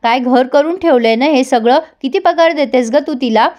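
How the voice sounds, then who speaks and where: A woman's voice: sits high, moderate pace, a little mellow, close to an everyday voice. A woman voicing a cruel, money-minded elder sister who talks down to everyone, in a retold TV serial scene. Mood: bossy.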